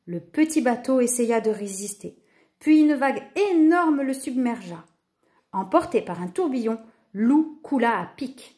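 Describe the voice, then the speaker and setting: A woman narrating a children's story in a lively, expressive way. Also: a little high, unhurried.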